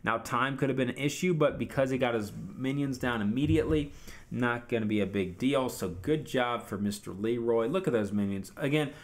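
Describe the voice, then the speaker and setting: A man talking through a strategy game replay in a relaxed, chatty way. He coaches viewers and talks straight to them. His voice sits at an ordinary middle pitch. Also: fairly quick. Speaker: video game commentator. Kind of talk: casual gameplay recap commentary.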